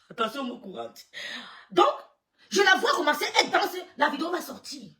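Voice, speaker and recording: A woman with a fairly high voice tells a long story to her live viewers, acting out the voices of the people in it. She laughs often and stops to greet people as they join. Her voice sounds a little distant from the microphone. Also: big pitch swings, normal speed, bright, forceful tone. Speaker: livestreamer telling a story. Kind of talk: animated storytelling on a live stream.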